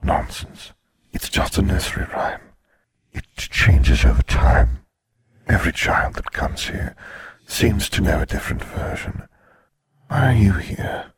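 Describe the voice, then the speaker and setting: A man voicing Death, a polite skeleton in a robe, in a soft, breathy whisper with an unhurried, dry manner. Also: low voice, big pitch swings, no echo, full character voice. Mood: calm, wry. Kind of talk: audiobook character voice.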